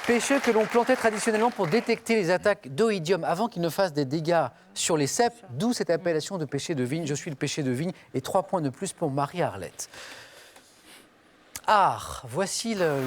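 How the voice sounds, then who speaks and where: Quiz show host reading clues. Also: male voice, on the high side, a little hiss or hum. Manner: reads clues in first person, names players. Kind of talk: game show question reading.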